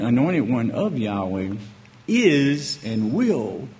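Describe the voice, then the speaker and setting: A man's voice: medium pitch, darkish tone. A man preaching a sermon, emphatic and full of rhetorical questions, often checking in with "okay?" and "right?". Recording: echoey hall with faint ambient noise.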